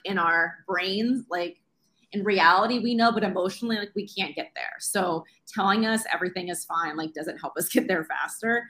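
A woman's voice: mid-range voice, a bit bright. A woman in her thirties speaking candidly as an interview guest, chatty and earnest, filling her sentences with "like". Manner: chatty, uses "like" constantly, earnest. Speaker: guest, science teacher.

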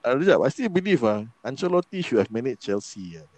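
A man's voice: mid-range voice, sing-song, fast talker, a little mellow, no room sound. A man with a Singaporean accent hosting a casual football chat, often ending phrases with colloquial particles. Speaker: football podcast host.

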